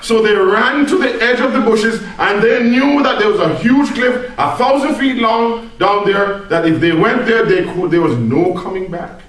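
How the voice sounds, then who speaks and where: Medium in pitch, expressive, at normal speed and with few pauses, a woman tells a comic tall tale to a live audience. As a speech club storyteller, she is theatrical and mock-earnest, recorded from afar in a very echoey indoor room.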